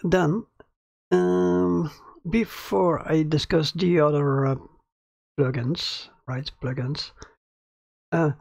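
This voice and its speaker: Speaking slowly and pausing often, a man with a fairly high, darkish, crackly and gravelly voice hosts a casual screen-recorded tutorial in his small home studio. His intonation is fairly even, and his hesitant talk is full of fillers and restarts. A close studio mic about ten centimeters away captures him with no echo.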